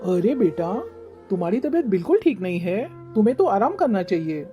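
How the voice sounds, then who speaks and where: A woman's voice: mid-range voice, big pitch swings, brisk, soft background music, close to an everyday voice. Woman doing a kind caring father-in-law. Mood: concerned. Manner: concerned, gentle.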